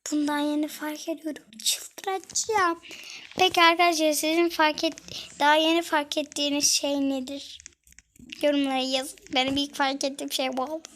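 A woman's voice: high voice, flat delivery, fairly quick, a bit bright, slight background noise, rough recording. A young girl chatting casually to her viewers while she plays a game, giggly and talkative. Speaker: gaming vlogger.

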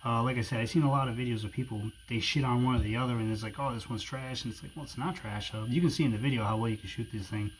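A man's voice: medium pitch, rapid-fire, hardly any pauses, rough recording. A man with a New England accent giving a casual, informal, conversational product review to viewers as a video host. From New England, USA. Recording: steady background noise.

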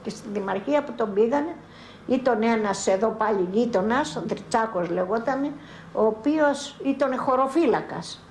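An older woman from Greece giving spoken testimony as a mother in a documentary, telling her story in halting, broken-off phrases. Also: fairly high pitch, expressive, darkish tone, slight background noise. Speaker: mother recounting her son's arrest. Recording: roomy archival 1982 film sound.

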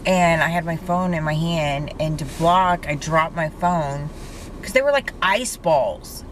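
A young woman chatting casually in a parked car, animated and swearing freely, picked up by a dashboard camera. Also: low voice, unhurried. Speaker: friend. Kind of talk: casual chat. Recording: noisy car interior.

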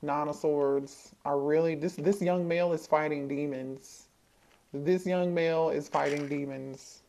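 A woman with a low, mellow voice gives a casual tarot reading, talking to the cards and thinking out loud. She circles back and repeats her questions as the cards turn up. There is a faint hiss behind her. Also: fairly even intonation, a little slow. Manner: thinks aloud, talks to the cards, repeats herself. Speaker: tarot reader.

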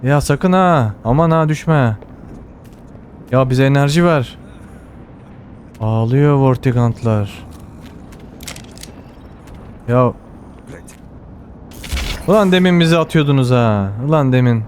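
A man with a Turkish accent giving excited running commentary while playing a game, often repeating words and exclaiming. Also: medium pitch, slow, long pauses, slight background noise. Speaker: gamer.

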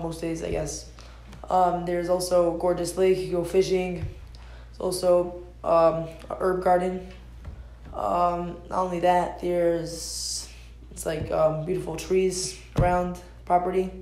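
In an echoey room with music in the background, a young man acts in a school play as a relaxed adult male landowner trying to sell his land. He rambles hesitantly, full of ums and uhs, in a high, slightly mellow voice.

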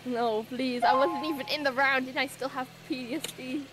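A young woman chatting casually while playing an online game with a friend, excitable and loud when in trouble. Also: high-pitched, moderate pace, noisy background. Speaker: game streamer. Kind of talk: casual gameplay chat. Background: game music.

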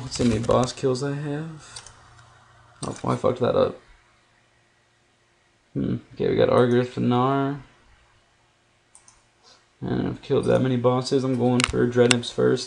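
A man's voice: mid-range voice, creaky, a little mellow. A young man telling a rambling, profane story in a laid-back way while he plays a game, as a gaming vlogger.

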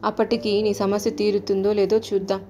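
A woman's voice: mid-range voice, little pitch movement, brisk, mellow, close to an everyday voice. A woman voicing the Sun as a stern, commanding male king of the planets in a storybook tale.

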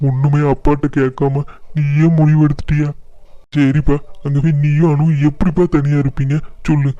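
A gentle, pleading old father, as a man voices him in a cartoon, coaxing softly. His voice is very dark and mellow. The recording is dry and a little dull. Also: a little high, flat delivery, normal speed, no room sound, lightly acted. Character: pleading elderly father, gentle and soft-hearted.

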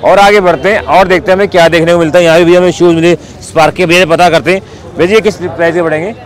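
Quick high-voiced man vlogging a street market. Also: fairly even intonation, poor audio. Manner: upbeat, repeats "bhai" and "theek hai". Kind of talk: walking market vlog, chatting with sellers. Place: busy outdoor street market. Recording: outdoor crowd noise behind. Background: crowd chatter and traffic.

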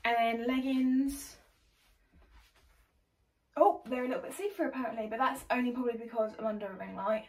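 A bubbly young English woman talks excitedly through a clothing haul, her voice sitting a touch high. She chats fast and casually to the camera, full of energy, from her room under a ring light. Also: low-quality recording. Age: young adult. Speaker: vlogger.

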